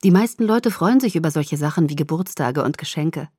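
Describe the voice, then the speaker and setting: A woman voicing a calm, soft-spoken young man in an audiobook, low and gentle. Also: brisk, breathy edge, no room sound, studio quality. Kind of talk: audiobook character voice.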